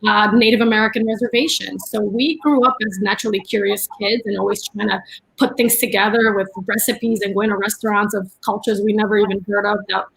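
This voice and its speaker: A middle-aged woman, Dominican by origin and raised in New York, talks about her work as an art dealer and curator as a guest in a casual chat. Her medium-pitched voice is gravelly and husky, a little fast, and the storytelling is chatty, animated and full of fillers. The recording is rough.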